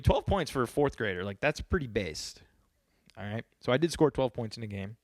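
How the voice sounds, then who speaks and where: A man's voice: lowish voice, dry recording, studio quality. A man in his thirties hosting a podcast, rambling in casual chat with lots of swearing and jokes. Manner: rambling, profane, joking. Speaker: podcast host.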